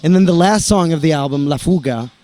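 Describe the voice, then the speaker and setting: Speaking a little fast in a warm, high-leaning voice, this young man from the United States is a band member being interviewed casually. Bilingual in English and Italian, he hesitates, restarts often and fills gaps with fillers.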